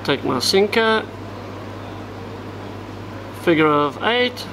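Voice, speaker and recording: A man's voice: high voice, lively intonation, very slow, background noise. Man demonstrating knots in a tackle shop. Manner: step-by-step, talks while working with his hands. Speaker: fishing tackle instructor. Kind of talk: hands-on tutorial demonstration. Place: indoor tackle shop, at a table.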